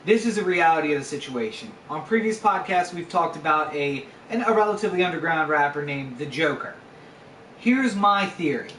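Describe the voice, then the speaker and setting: A talkative man hosts a casual home podcast, his fairly high voice sounding roomy and a little distant. There is a faint hiss behind him. He teases and argues his points playfully. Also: lively intonation, fairly quick, a bit bright. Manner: chatty, playfully argumentative. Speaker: podcast host. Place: home room.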